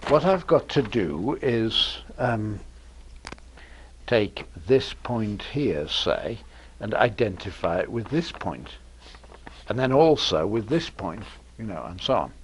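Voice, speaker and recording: Male professor, informal lecture, lively rising-and-falling voice, halting delivery with ums, dry humor. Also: on the low side, a little hiss or hum. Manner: hesitant, frequent ums and uhs, dry humor. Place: lecture room with audience.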